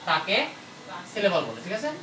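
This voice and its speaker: Standing at the board, an English teacher slowly works through a grammar lesson, often asking a question and then supplying the answer. The mid-range voice is very animated, with roomy acoustics and background noise.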